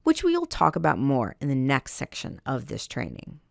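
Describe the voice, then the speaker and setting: A woman giving a scripted training narration for librarians, reading do's and don'ts in a measured, instructional way. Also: very deep voice, wildly swooping pitch, vocal fry, no echo, studio quality.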